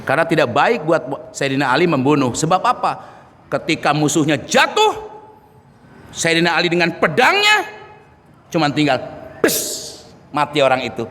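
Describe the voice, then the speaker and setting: Male preacher, bright animated delivery, reverberant mosque hall. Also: a little high, normal speed, pauses often. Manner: animated storyteller, acts out dialogue in shifting voices; jokes and laughs with the audience. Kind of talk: lively mosque lecture.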